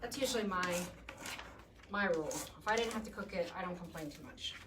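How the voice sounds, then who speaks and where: In a paint room, a woman hosts a live furniture painting demo, chatting casually and reading viewer comments aloud. Her voice is lowish and fairly quick, picked up by a distant mic with background noise.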